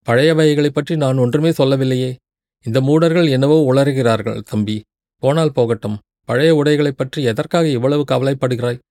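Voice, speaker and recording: Audiobook: man playing a commanding middle-aged male commander, gruff but coaxing, dry close mic. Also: mid-range voice, moderate pace, dry recording, natural voice. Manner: commanding, alternating between scolding and calm. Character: stern middle-aged male fort commander, quick-tempered yet coaxing.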